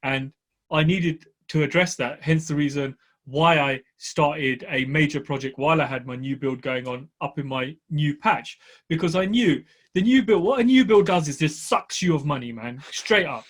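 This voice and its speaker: A man co-hosting a podcast in casual chat, blunt and direct, swearing freely and swinging up in pitch to stress his points. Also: moderate pace. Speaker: podcast co-host, property investor.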